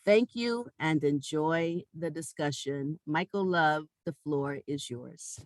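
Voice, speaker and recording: A woman's voice: deep voice, dry recording, poor audio. Dry-voiced woman hosting a video chat. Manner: measured, formal, reading a prepared introduction. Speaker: talk show host. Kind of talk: formal introduction on a video chat. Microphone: video call.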